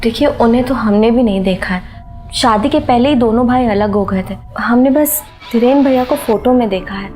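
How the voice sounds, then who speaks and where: An actress playing a worried wife answering police questions in a crime TV drama. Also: female voice, a little high, normal speed, darkish tone, soft background music, natural voice. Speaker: wife of a kidnapped man.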